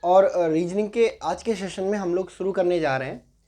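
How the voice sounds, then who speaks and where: A man's voice: high voice, warm tone. A man in his twenties teaching a reasoning class, mixing English into Hindi, asking tag questions and repeating words as he writes. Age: 20s. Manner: slow, repeats words while writing on a board. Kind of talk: exam-prep lesson.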